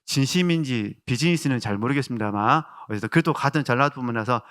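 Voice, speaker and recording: A man's voice: mid-range voice, quick pace. A male pastor with a Jeolla Korean accent preaching a sermon, telling stories and asking the congregation questions. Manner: warm storytelling with rhetorical questions to the congregation.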